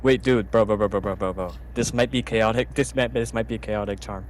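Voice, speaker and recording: A man's voice: on the low side, fairly even intonation, brisk, background noise. A young man in casual, slangy chat who tends to repeat his words and phrases.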